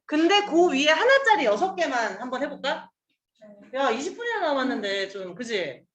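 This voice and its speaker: A woman's voice: high voice, very animated, moderate pace, fairly bright tone, roomy sound. A woman teacher giving a casual Chinese pronunciation lesson, chatty and coaxing, drilling sounds aloud with her students.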